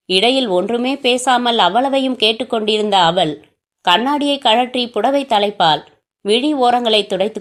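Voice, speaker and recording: A woman reading a novel aloud, telling the story steadily and voicing the dialogue herself. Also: a little high. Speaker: narrator.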